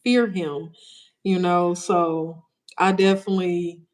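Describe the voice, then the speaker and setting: Earnest woman guest speaking slowly. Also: lowish voice, level tone, a little mellow. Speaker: guest, small business founder. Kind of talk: faith-centered interview answers.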